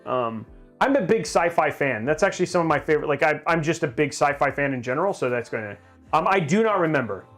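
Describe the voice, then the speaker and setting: A man's voice: a little high, lively intonation, fast, fairly bright tone, soft background music. A middle-aged man hosting a live stream, chatting casually and rambling, often restarting his sentences as he reads viewer questions. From grew up in Japan. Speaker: livestream host.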